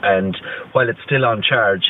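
Low-voiced Irish presenter, quick reactions. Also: male voice. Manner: short, eager acknowledgements and readouts. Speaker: radio co-presenter. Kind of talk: casual interview reactions. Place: inside a parked car. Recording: distant, tinny, lo-fi with faint noise.

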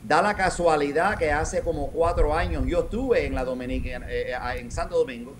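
Halting middle-aged man on a video call. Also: a little high, slight background noise. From raised in New York. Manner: halting, many restarts, mixes English terms. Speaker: retired police commander and candidate. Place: home office indoors. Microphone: video call webcam.

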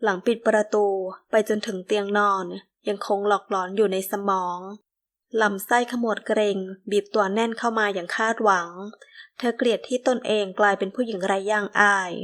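A woman giving scripted, measured narration of a romance novel. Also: mid-range voice. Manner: measured, steady storytelling. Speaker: audiobook narrator.

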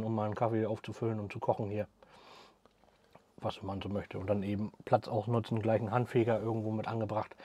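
A man, explaining the camper cabin he builds in a quick, matter-of-fact way, often adding a questioning "ne?" and letting his sentences trail off quietly. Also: mid-range voice, a little hiss or hum. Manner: fast, trailing off at sentence ends, frequent tag "ne?". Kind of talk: explaining a product in an interview. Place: inside a small pickup camper cabin.

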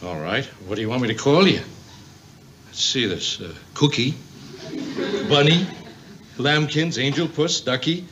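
A man's voice: mid-range voice, unhurried, long pauses, lightly acted. An actor in his fifties playing a vain, childish, needy boyfriend in a 1970s sitcom, theatrical and blustering. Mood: grudging, awkward. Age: 50s. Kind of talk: 1970s multi-camera sitcom acting. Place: TV studio set, indoors. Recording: noisy vintage TV studio soundtrack.

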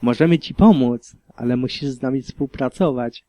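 A man's voice: medium pitch, normal speed, warm tone, no echo, natural voice. A man doing a stern pegasus mare. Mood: firm. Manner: firm, insistent.

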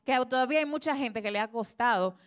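A woman's voice: on the high side, fast. A young woman with a Dominican accent, a guest in casual chat, who rambles and often restarts her sentences. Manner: rambling, restarts a lot, hesitant.

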